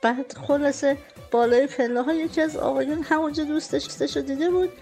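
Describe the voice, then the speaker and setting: A woman telling a gentle, wry personal anecdote after festive greetings. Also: high-pitched, steady tone, soft background music. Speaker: storyteller sharing a memory.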